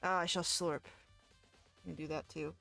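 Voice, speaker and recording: A woman's voice: low-pitched, steady tone, moderate pace, creaky, sharp tone, soft background music. A woman streamer chatting casually and giggling while she plays through a game. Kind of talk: casual chat while gaming.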